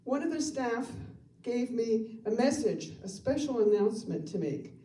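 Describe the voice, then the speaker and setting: An older woman in her seventies emcees a live stage show, timing her jokes slowly and deliberately. Her voice is on the high side and mellow, and it sounds distant in a roomy hall. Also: sing-song. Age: 70s. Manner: slow, deliberate delivery of one-liners. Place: performance hall for a live audience.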